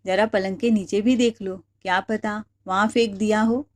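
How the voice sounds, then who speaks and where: A woman's voice: mid-range voice, steady tone, normal speed, close to an everyday voice. A woman voicing a spiteful young sister-in-law who goads her brother, in a sneering, goading manner. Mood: sly.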